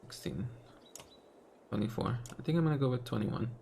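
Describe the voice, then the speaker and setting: A man's voice: mid-range voice, animated, fairly quick, vocal fry, mellow. A man in an ordinary middle register chats his way through a game playthrough, joking and laughing often. He reads the on-screen text aloud between bits of banter. A faint hiss sits under his desk-mic voice. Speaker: let's play host. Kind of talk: casual gameplay chat, reading game text aloud.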